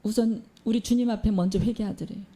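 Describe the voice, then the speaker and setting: A woman's voice: medium pitch, fairly even intonation, quick pace, warm tone. A woman preacher giving a sermon in a church, telling a story and posing questions to the congregation.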